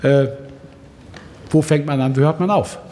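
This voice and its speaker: A man moderating a radio panel discussion, putting measured, probing questions to his guests. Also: fairly high pitch, dark tone, big-room sound.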